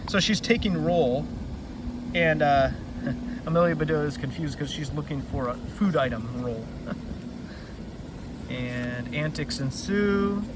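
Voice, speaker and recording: A read-aloud host sums up a children's book in casual chat by a river, wandering off on tangents as he goes. He speaks slowly at a fairly high pitch, pausing often, and the outdoor recording is noisy.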